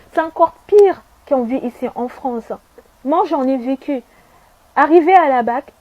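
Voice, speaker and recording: A woman's voice: high voice, dark tone, dry recording, highs cut off. A young adult woman who grew up in Saudi Arabia, giving an earnest, emphatic personal testimony with repeated phrases and rhetorical questions.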